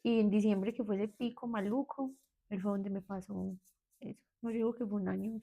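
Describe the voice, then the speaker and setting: A woman's voice: mid-range voice, a little mellow. Candid Colombian woman telling her story. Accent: Colombian, Medellín. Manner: candid, hesitant, with frequent restarts. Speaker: guest, therapist. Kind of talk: personal storytelling interview.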